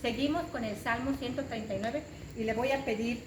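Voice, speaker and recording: A woman preacher from Mexico gives an emphatic sermon in a church hall, repeating phrases for stress. Her voice is fairly high and brisk, and the recording is echoey with background noise.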